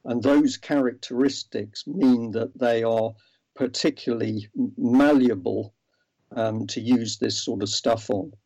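A man's voice: mid-range voice, steady tone, a little slow, dark tone. A man, a guest in an interview, explaining earnestly with many ums and restarts. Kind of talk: interview over a remote line. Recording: dull lo-fi audio.

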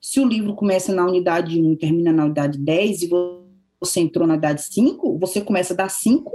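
A Brazilian woman chatting casually as a guest, telling an animated story and acting out the lines of the people in it. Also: lowish voice, fast talker, faint music behind. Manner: animated storyteller who acts out quoted dialogue. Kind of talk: casual chat.

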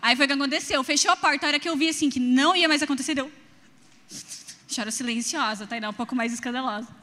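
Young Brazilian woman preacher, high and bright, animated storyteller, church hall reverb. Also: fast talker. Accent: Brazilian Portuguese. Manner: animated storytelling, addresses the congregation directly. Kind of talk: sermon with personal stories.

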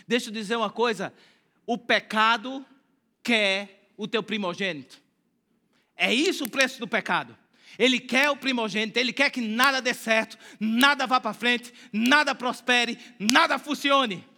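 A man with a Brazilian Portuguese accent preaches from the pulpit in a very high, piercingly bright voice. He talks in an animated way, slipping into other voices for the quotes he tells. At the peaks he climbs into full shouts. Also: normal speed. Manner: rises to shouting at climaxes. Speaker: pastor. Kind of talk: sermon.

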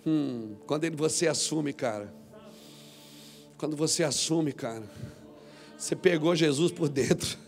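A man preaching a sermon as pastor, with dramatic swings from loud shouts to low murmurs. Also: a little slow, creaky, pauses often, faint music behind.

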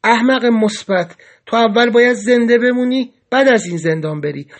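A man's voice: high voice, fairly even intonation. A man reading a story, voicing a clever, blunt and hot-tempered male prison cellmate who scolds in an exasperated way. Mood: insistent. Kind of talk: audiobook character voice.

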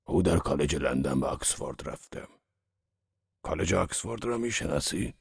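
A male audiobook reader voicing a mournful, sly aging gangster who speaks slowly and quietly, with a husky, gravelly tone. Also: rumbling low, animated, heavily acted.

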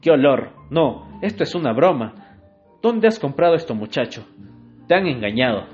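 A man voicing a proud, quick-tempered middle-aged father who blusters and scolds. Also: mid-range voice, animated, close to an everyday voice. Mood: scolding. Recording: dull lo-fi recording. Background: faint guitar music.

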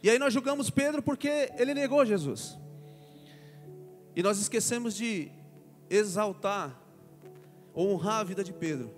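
A man preaches a sermon in a fairly high voice. He swings from loud proclamation to soft, joking asides. The sound rings with long hall reverb over faint music.

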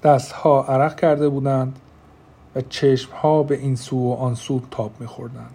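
A man with a medium-pitched, slightly rough voice narrates an audiobook, telling the story in a steady, measured way.

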